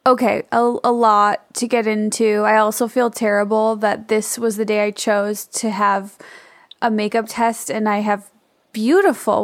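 A woman's voice: medium pitch, no room sound, clean studio sound. A woman co-hosting a podcast in a chatty, informal, conversational way. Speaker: podcast co-host. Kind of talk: casual chat.

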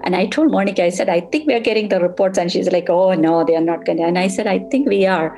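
A bereaved mother in an interview, recounting events in a steady, matter-of-fact way. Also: lowish voice, quick pace. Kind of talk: personal recollection interview.

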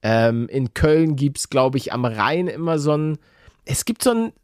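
A man's voice: mid-range voice, animated, a little slow, dry recording, clean studio sound. A man chatting casually as a podcast co-host, with a bantering, grumbling, colloquial manner. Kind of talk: casual chat.

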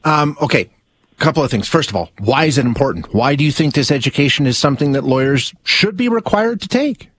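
News host guy, dry close studio sound, steady read then loose casual questions. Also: mid-range voice, fairly quick, dry recording. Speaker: radio interview host. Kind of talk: news report and interview.

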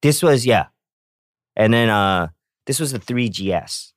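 A man in casual chat who tells stories with animated acted-out reactions. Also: medium pitch, a little slow, no echo, studio quality. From South Korea. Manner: animated storyteller, acts out reactions.

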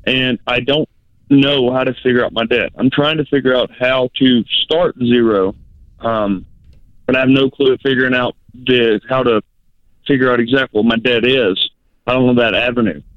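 A man calling in over a tinny, dry phone line. He talks hesitantly and stumbles over his words, with polite sirs and ma'ams. His voice sits at an ordinary middle pitch. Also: fairly even intonation, moderate pace, dry recording. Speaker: caller. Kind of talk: casual call-in chat.

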